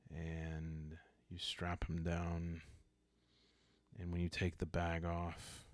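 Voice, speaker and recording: Playing a solo roleplaying game, a man narrates and makes up the tale as he goes, quiet and unhurried, leaning on dramatic pauses. The voice sits low, with no echo in the recording.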